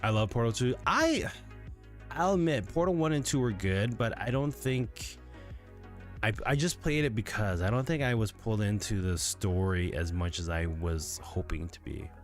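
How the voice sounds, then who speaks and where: A man's voice: fairly low pitch, expressive, moderate pace, soft background music. A sleepy man chatting casually with viewers from his home gaming setup, rambling with lots of fillers. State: sleepy, yawning. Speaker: livestreamer.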